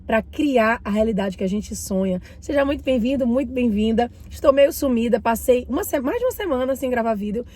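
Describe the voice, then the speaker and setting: A fairly high-pitched woman with lively intonation talks a little fast with few pauses; she's from Bahia and has a Bahian Brazilian Portuguese accent. As a mindset and finance channel host getting over a cold, she reads and remarks on a book in a casual, warm, chatty way, speaking right to her audience.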